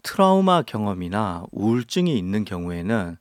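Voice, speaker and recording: A male guest writer explains things to the host in a steady, informative manner. His pitch moves around a good deal as he speaks. The recording is dry and close to the mic. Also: moderate pace, no room sound. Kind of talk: explanatory radio chat.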